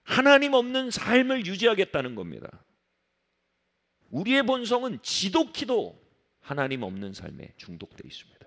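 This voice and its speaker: Man, pastor, sermon, high voice, very animated pitch, emphatic, low soft drops for stress. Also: moderate pace. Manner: acts out quoted voices of resisting people. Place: church sanctuary.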